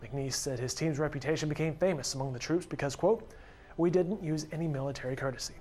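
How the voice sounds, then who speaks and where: A man narrates a scripted news feature as its reporter. His voice sits a little high, and music plays behind him. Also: quick pace, darkish tone.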